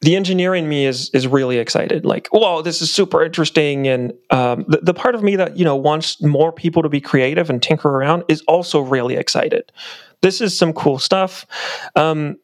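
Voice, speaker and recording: A man's voice: on the high side, moderate pace, no room sound. Man thinking aloud on a dry podcast mic. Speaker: podcast host. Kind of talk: casual podcast conversation.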